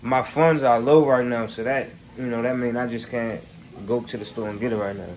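A young man cooks in a small apartment kitchen, chatting to his viewers in a joking, slangy way while filming on a handheld phone. His medium-pitched voice is fairly even and a little fast, and the kitchen is noisy with frying sizzle.

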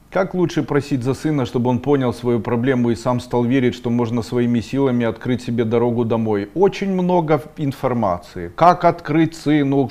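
This middle-aged esoteric webinar host has a voice on the high side. Reading viewers' questions aloud, he answers bluntly and at times scolds with sharp outbursts that climb upward.

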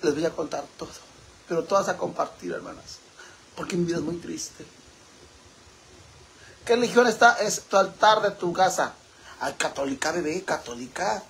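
Campy high-voiced Mexican man streaming. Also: animated, normal speed, gravelly, pauses often, a bit bright, a little hiss or hum. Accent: Mexican Spanish. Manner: flamboyant and campy, calls viewers "sisters", laughs often. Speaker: livestream host reading viewer comments. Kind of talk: casual livestream chat.

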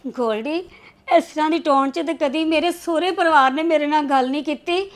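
A woman's voice: high voice, fairly quick, lightly acted. A woman playing a hurt married daughter in a family drama, crying and complaining. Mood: aggrieved. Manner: complaining, aggrieved.

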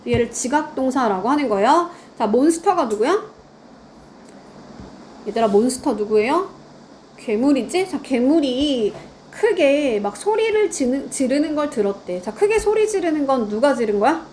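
A woman's voice: sits high, sing-song, normal speed, a little mellow, a little hiss or hum. A woman teaching grammar in a lecture, quizzing her students and answering her own questions.

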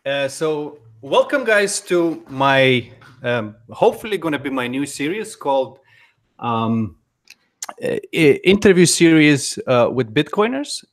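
A man in his thirties hosting a live interview, speaking haltingly with many pauses and restarts, into a studio microphone at home. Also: a little high, big pitch swings. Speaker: interviewer host. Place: home room. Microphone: headphones and studio mic on a boom.

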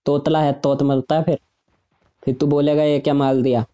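A man's voice: on the high side, flat delivery, normal speed, warm tone, dull audio, lightly acted. A man putting on a lisping baby-talk voice as a boastful, teasing boy during a game stream. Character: lisping baby-talk boy bragging about his gun.

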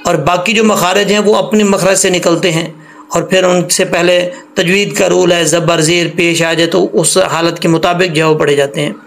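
A man's voice: sits high, steady tone, normal speed, gravelly, a bit bright. A man teaching an online recitation lesson, explaining patiently and repeating points, stretching out syllables to demonstrate pronunciation.

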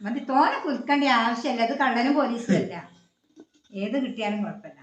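A woman's voice: on the high side, a little fast, dull audio. A woman hosting a home vlog in casual chat, explaining the game's rules in a chatty way. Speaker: vlog host. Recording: roomy echo.

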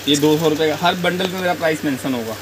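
A man gives a shopkeeper's sales pitch in a somewhat high voice. He rattles off prices quickly and matter-of-factly, with clear shop noise around him. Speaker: wholesale bangle shopkeeper. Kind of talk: sales pitch showing goods and quoting prices. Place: small indoor shop lined with shelves.

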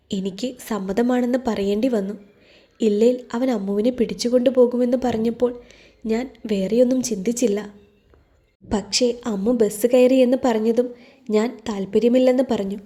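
A woman voicing a frightened, tearful young woman who speaks in a shaken, halting way in a storybook reading. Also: fairly high pitch, fairly even intonation, dark tone, lightly acted. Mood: distraught.

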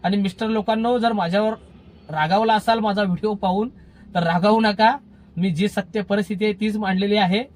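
High-voiced guy, driving teacher vlog, earnest, keeps repeating his advice. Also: steady tone, fairly quick. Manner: earnest and repetitive, pleading. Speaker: driving instructor.

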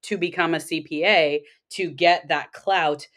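A woman with a notably low voice speaks as a guest on a podcast. She works as an accountant and coach, and she explains finance in a steady, methodical way, often stacking her points into lists. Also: a little slow. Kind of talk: podcast interview conversation.

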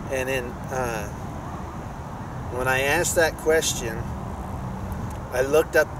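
Slow, halting middle-aged man outdoors. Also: mid-range voice. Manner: slow, halting, many "uh"s and restarts. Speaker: fishing vlogger. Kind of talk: casual outdoor vlog. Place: outdoors by a park pond. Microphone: camera on a stand, then head-mounted camera. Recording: outdoor noise behind the voice.

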